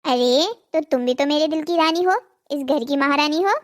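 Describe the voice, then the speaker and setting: A woman voicing an honest, patient village husband in a cartoon drama who moralizes calmly. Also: high-pitched, moderate pace, lightly acted. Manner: calm moralizing.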